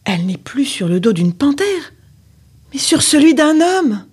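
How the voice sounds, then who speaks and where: A woman reading her own children's storybook aloud, with expressive, gently dramatic narration. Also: sits high, measured pace. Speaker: storyteller and author.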